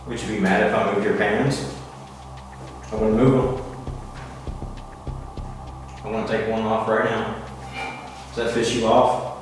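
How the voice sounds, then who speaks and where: A man with a slightly low voice goads spirits casually as a ghost hunter. He sounds distant in a heavily reverberant jail, and music plays behind him. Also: level tone, unhurried, pauses often. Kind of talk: questioning and provoking spirits. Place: inside a historic jail, echoey rooms. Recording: echoey hall, distant mic, music behind.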